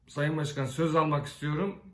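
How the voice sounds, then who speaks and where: Guy making a sarcastic speech in parliament, kinda high voice, big echoey hall sound, tells folksy stories. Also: normal speed. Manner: sarcastic, folksy storytelling with rhetorical questions. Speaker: member of parliament giving a speech. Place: large parliament chamber.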